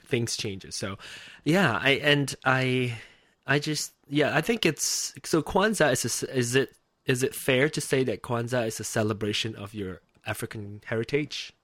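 A man's voice: medium pitch, unhurried, fairly bright tone, no echo, studio quality. A man from Malaysia, hosting a casual talk show; he chats easily, laughs often and restarts his sentences. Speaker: host.

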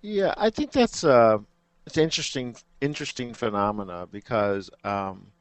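A man's voice: mid-range voice, expressive, moderate pace, no room sound. A man speaking as a guest on a talk show. He is thoughtful and hesitant, with frequent "um"s. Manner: thoughtful, hesitant, many fillers. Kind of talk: casual radio talk.

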